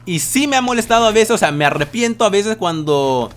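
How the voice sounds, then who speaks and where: This twenty-something youtuber sounds high-pitched, expressive and a bit bright, talking fairly quickly. Sitting in his bedroom for a laid-back vlog, he responds to viewer questions, cursing a lot and bursting out dramatically.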